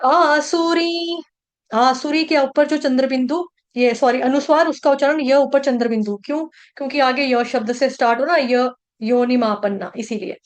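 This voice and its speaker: A woman teaching verse recitation in an online class. She chants slowly, then breaks the words down syllable by syllable. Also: sits high, fairly even intonation. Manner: slow chanting, then rapid syllable-by-syllable explanation.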